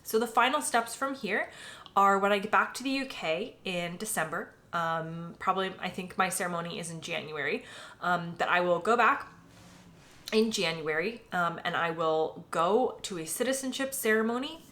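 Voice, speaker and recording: Speaking at a moderate pace, this woman has a lowish voice with a bright, forceful tone. She's a late-twenties vlogger from the United States, casually addressing the camera and leaning heavily on "like" and "um."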